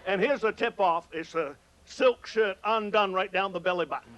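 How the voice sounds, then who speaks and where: A man's voice: high-pitched, moderate pace, dull audio, noisy background. A man from Maine with a Maine accent, telling comic stories live in a folksy rustic dialect and teasing his audience. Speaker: humorist telling stories on stage. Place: on stage before an audience.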